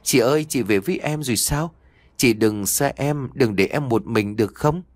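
A man's voice: medium pitch, normal speed, dry recording, close to an everyday voice. A man voicing a tearful young boy who begs his sister to stay, in an audio story. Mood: pleading. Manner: pleading, urgent.

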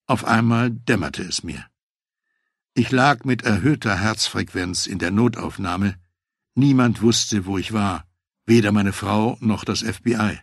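A man reading a first-person memoir aloud, telling the story in a measured, reflective way. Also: on the low side, vocal fry, no room sound, clean studio sound. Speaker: audiobook narrator.

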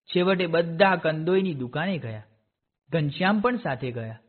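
A man narrating a devotional children's storybook in a steady, clear reading voice. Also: fairly high pitch, moderate pace. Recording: tinny phone-like sound.

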